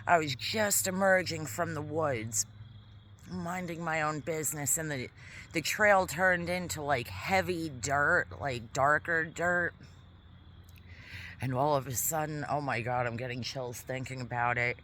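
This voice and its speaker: A woman vlogging casually in a quiet park, chatting in a rambling way while she eats. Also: low-pitched, a little slow, a little hiss or hum. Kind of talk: casual vlog chat. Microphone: camera mic.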